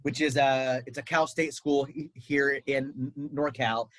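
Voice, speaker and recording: A man's voice: mid-range voice, fairly even intonation, unhurried, fairly bright tone, dry recording, poor audio. A man coaching a family on college auditions over a video call, chatty and upbeat with lots of fillers. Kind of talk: casual advice on a video call.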